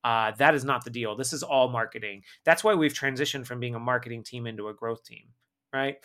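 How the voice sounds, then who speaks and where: A man's voice: mid-range voice, brisk. A man being interviewed on a podcast, talking emphatically and often ending points with "right?". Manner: energetic, emphatic, frequent "right?" tag questions. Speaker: guest marketing expert.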